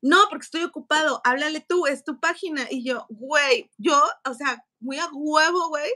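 Young Mexican woman, vlog host. High-pitched, chatty and slangy. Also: normal speed, bright, forceful tone. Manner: chatty, slangy, laughing as she tells stories. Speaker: scrapbook channel co-host. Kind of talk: casual storytelling vlog.

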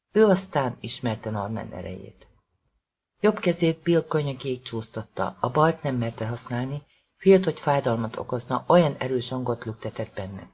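A man's voice: medium pitch, darkish tone, slightly rough, muffled recording. A man narrating a suspenseful novel in a dramatic audiobook reading.

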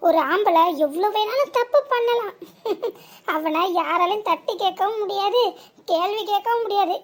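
A woman voicing a fiery young daughter-in-law in a village cartoon comedy, ranting dramatically with a southern Tamil Nadu accent. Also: extremely high pitch. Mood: defiant.

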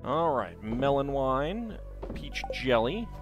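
A man hosts a casual gaming video in a mid-pitched voice with lively swings. He half murmurs to himself as he plays, with game music clearly behind him. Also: slow pace. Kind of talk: casual let's play commentary.

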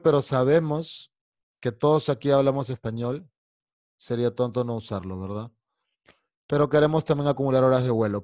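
Male online English teacher, slow drilled phrases, quick asides, mid-pitched, dry close sound. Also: darkish tone, dry recording.

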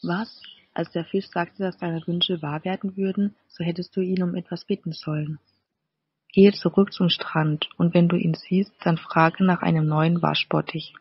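Brief: a shrewish fisherman's wife in a fairy-tale storybook, read by a woman; husky, demanding. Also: fairly low pitch, steady tone, moderate pace. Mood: scolding. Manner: scolding, demanding. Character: nagging greedy fisherman's wife, shrill. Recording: slightly dull, dry recording.

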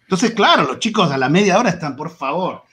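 A man lectures teachers over a video call in an animated, playful way. His voice sits fairly high and stays expressive. He talks from a room at home. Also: fast talker. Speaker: guest lecturer. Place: home room with green wall and lights.

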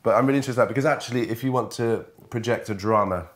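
A man giving a one-on-one music masterclass, animated and searching for words as he coaches, often restarting his phrases. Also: medium pitch, racing, a little hiss or hum.

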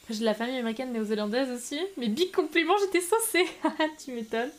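A young French woman chatting casually with viewers on a live stream, lively and quick to laugh. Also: high-pitched. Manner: lively, giggly, reacts to chat.

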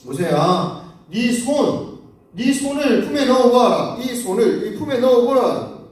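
A man voicing a patient, gentle God who speaks slowly and reassuringly to a shepherd, recorded from far off in an echoey church hall. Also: extremely high pitch, expressive, pitched above the performer's own voice.

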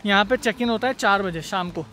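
A man with a high, fairly quick, bright and forceful voice chats casually as a travel vlogger, explaining things as he walks a forest canyon trail outdoors. He films himself on a handheld phone held at arm's length, with soft music in the background.

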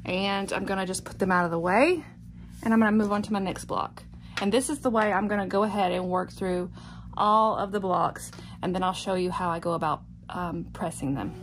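A woman's voice: mid-range voice, steady tone, fairly quick, faint music behind. A middle-aged woman giving an informal step-by-step craft tutorial, thinking aloud as she works. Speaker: quilting instructor. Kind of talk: casual step-by-step tutorial narration. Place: indoor home sewing room. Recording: clearly noisy home sewing-room recording.

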